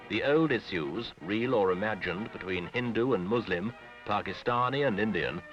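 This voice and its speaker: Old newsreel narrator, male, deep and expressive, grave measured read over music. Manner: grave, measured delivery in short phrases. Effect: old newsreel soundtrack. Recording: dull lo-fi 1970s film sound with music.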